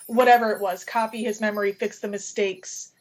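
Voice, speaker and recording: A woman's voice: mid-range voice, steady tone, brisk, poor audio. A woman in a casual panel chat on a video call, thinking aloud about a show. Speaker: podcast panelist. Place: indoors at home on a video call.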